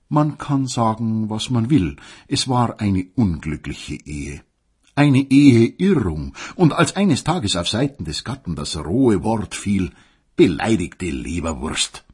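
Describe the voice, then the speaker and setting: Husky, slow storyteller man. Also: lowish voice. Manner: ironic, dramatic reading. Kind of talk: humorous story reading.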